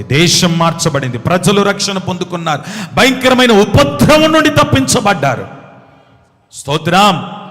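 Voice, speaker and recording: A man preaching a sermon as pastor, emphatic, urging the congregation to answer back louder. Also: high voice. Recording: long hall reverb.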